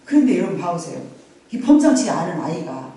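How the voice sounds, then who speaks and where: A middle-aged woman pastor telling a Bible story in a lively, conversational sermon, repeating phrases and addressing the congregation directly. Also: fairly low pitch, brisk. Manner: animated, repetitive, conversational asides to the congregation. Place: church sanctuary. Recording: very echoey sanctuary, from far off.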